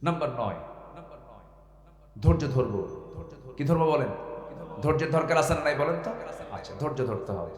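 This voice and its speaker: A man preaching a Bengali waz sermon, laying out numbered points, drawing call-and-response from the crowd, chanting Quran verses and rising suddenly into shouts. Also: on the high side, animated, fairly quick, pauses often, slight background noise. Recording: echoey hall with long reverb.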